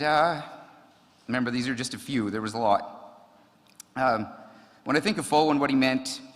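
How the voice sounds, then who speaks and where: A firefighter giving a eulogy at a memorial service, telling funny stories about a colleague in a relaxed, conversational way. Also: male voice, mid-range voice. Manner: conversational storytelling, frequent ums and laughs. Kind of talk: memorial tribute with anecdotes. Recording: long reverb of a large hall.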